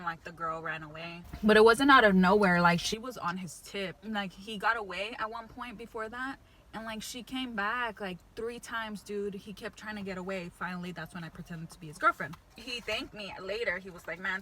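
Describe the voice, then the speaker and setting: A woman's voice: medium pitch, bright, forceful tone, a little hiss or hum, low-quality recording. A young woman telling a casual, slangy story as she eats, chewing while talking. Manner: slangy, chatty. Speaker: vlogger.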